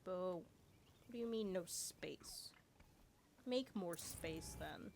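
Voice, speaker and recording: A woman's voice: fairly low pitch, lively intonation, extremely slow, vocal fry, darkish tone, a little hiss or hum. A woman livestreaming a video game, chatting casually with playful, reactive remarks. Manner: playful, reactive, muttering to exclaiming. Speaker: live streamer playing a video game.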